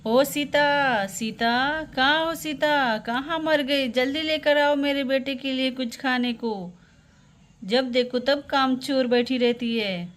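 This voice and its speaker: Woman doing a harsh nagging mother, doll-play storybook, high voice, shouting insults. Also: steady tone, measured pace. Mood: scolding. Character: harsh scolding village mother favoring her son.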